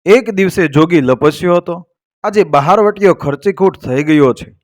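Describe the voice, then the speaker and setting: A man's voice: high voice, expressive, moderate pace. A man narrating a moral story as the channel's storyteller, reading steadily with dramatic emphasis.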